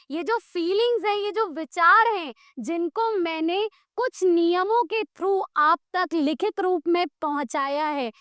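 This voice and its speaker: Woman teacher, really high voice, dry close sound, talks slow and keeps asking if you get it. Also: sharp tone, no echo. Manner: explains slowly, often asks students if they follow; mixes English words into Hindi. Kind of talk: Hindi grammar lesson.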